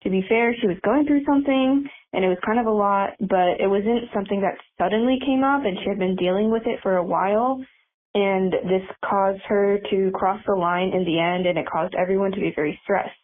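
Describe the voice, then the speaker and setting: A woman's voice: mid-range voice, fairly quick. A woman caller leaving a voicemail over a phone line, speaking politely and hesitantly with many ums as she asks for advice. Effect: heard over a phone line.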